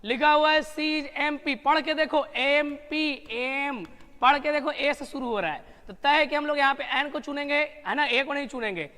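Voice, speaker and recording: A man teaching English grammar in a live online class, energetic and full of praise for his students. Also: very high-pitched, moderate pace, in a large hall.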